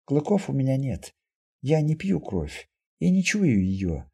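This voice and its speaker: A man voicing a calm, earnest young mutant woman in an audiobook, speaking softly and evenly. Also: mid-range voice, unhurried, gravelly, slightly rough, voice pushed up, heavily acted.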